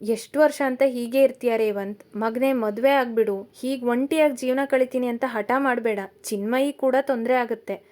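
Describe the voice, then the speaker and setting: A woman's voice: fairly high pitch, steady tone, normal speed, darkish tone, lightly acted. A woman voicing a worried, tearful middle-aged mother who pleads with her son in a storybook reading.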